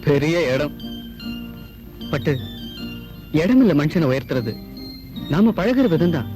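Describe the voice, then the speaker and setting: A man's voice: on the high side, very animated, slow pace, music in the background. A young actor playing a hero who coaxes his sweetheart tenderly, in a Tamil film. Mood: coaxing. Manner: tender, coaxing. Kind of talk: 1980s Tamil film acting.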